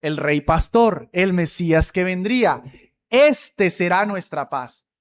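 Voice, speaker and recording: A man's voice: sits high, animated, takes it slowly. A man preaching a sermon as pastor, emphatic, stretching key words and repeating phrases for emphasis.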